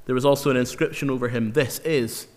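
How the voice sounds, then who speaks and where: A man preaching a sermon in an earnest, emphatic way, slowing down to repeat key phrases for weight. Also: mid-range voice, fairly even intonation, darkish tone. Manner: earnest, emphatic, with slow dramatic repetitions. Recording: long hall reverb.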